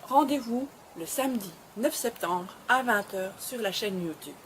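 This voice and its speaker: A woman's voice: mid-range voice, expressive, a little slow, heavy background noise. A woman hosting her web show, speaking to camera in an encouraging, emphatic way and often repeating phrases. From Belgium. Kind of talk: motivational address to camera.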